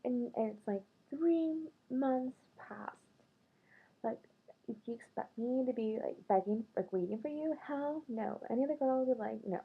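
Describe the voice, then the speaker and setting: A woman vlogs about dating in a loose, chatty way, full of "like" and sudden quoted lines. Her voice is husky with a gravelly edge. The sound is thin and tinny, like a phone line. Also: fairly high pitch, moderate pace. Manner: chatty, filler-heavy, quotes others in raised voice. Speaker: vlogger. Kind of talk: casual storytelling about dating.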